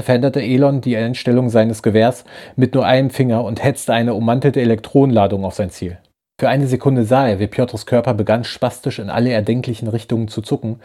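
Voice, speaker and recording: Man narrating an audiobook, steady, mellow dark voice. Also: medium pitch. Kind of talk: scripted narration.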